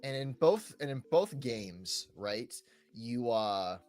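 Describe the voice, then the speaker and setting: Slow-paced and expressive, a man with a mid-range, slightly mellow voice chats loosely while co-hosting a gaming podcast. He peppers his informal rambling with "like", "right" and "you know" as music plays behind him.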